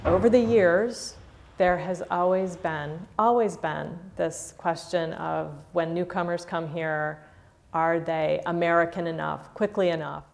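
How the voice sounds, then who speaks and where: A woman speaking in a measured, thoughtful way with occasional fillers in a documentary interview. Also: fairly low pitch, steady tone, gravelly, darkish tone.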